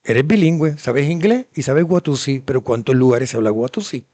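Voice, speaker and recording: A man with a Puerto Rican accent hosting a show, talking in a casual, animated way and repeating words for emphasis. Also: medium pitch, moderate pace, dry recording. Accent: Puerto Rican Spanish. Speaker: show host. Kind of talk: casual commentary to camera.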